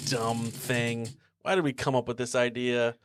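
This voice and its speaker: A young man co-hosting a podcast, animated and laughing often in casual banter. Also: mid-range voice, measured pace, noisy background. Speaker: podcast co-host.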